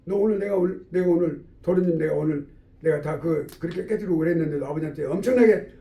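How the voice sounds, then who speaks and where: A man's voice: fairly high pitch, dark tone, recorded from a distance, pitched below the performer's own voice, natural voice. A man voicing a scheming housemaid who coaxes and pressures a child, in an echoey room away from the mic. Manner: falsely reassuring, coaxing.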